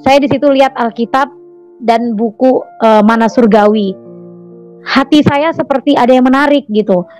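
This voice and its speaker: A woman giving a personal testimony to a congregation in an earnest, repetitive way, often pausing on "eh" and "gitu". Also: on the high side, a little mellow, soft background music, poor audio.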